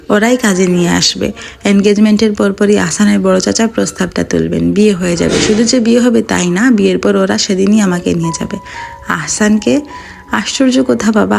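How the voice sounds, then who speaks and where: A woman reading a novel aloud as an audiobook, in an even, measured storytelling manner, lightly voicing the dialogue. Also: medium pitch, vocal fry, a little hiss or hum. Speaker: audiobook narrator. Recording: faint background music.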